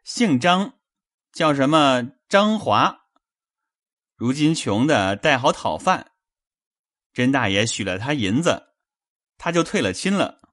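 A woman voicing a frightened young male servant who pleads and hurries through his confession in a lowered voice. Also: very animated, takes it slowly, pauses often, exaggerated voice. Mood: cowering, pleading.

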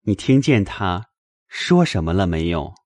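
A man's voice: sits low, very animated, measured pace, a little mellow, no room sound, clean studio sound. A man voicing a dreamy, infatuated young nobleman who talks in eager, pleading bursts.

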